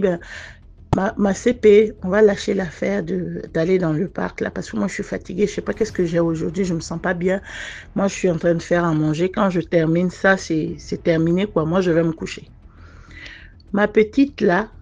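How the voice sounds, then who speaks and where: Woman, medium pitch, casual first-person storytelling, earnest, hesitant, frequent restarts. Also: gravelly. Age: adult mother. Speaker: listener sharing a personal testimony.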